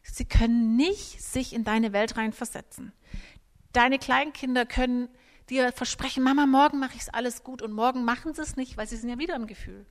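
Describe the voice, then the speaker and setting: A woman giving a live parenting talk to an audience, animated and acting out little scenes between parents and children. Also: on the high side, moderate pace. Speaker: parenting speaker. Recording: reverberant hall.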